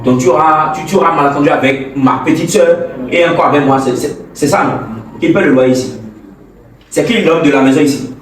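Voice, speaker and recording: A man's voice: fairly high pitch, a little fast, natural voice. A man playing a stern older brother who lectures and scolds, often stammering over words. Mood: lecturing angrily. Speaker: actor in a web skit. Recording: echoey room, far from the mic.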